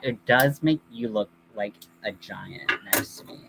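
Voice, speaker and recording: A man hosting a livestream, chatting casually in a halting, rambling way. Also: on the low side. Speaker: livestream host. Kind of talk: casual chat. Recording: clearly noisy background.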